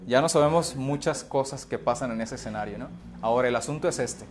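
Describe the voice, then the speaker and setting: A man's voice: mid-range voice, a little fast, a little hiss or hum. Emphatic man teaching. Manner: emphatic, constantly checks in with rhetorical questions. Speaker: speaker on emotional health. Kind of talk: informal talk on psychology.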